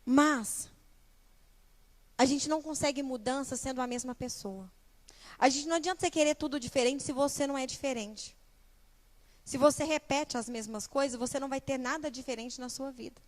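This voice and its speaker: A young woman preaching a sermon in church, animated, putting rhetorical questions straight to the congregation. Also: sits high, normal speed. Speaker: guest preacher and small-group leader.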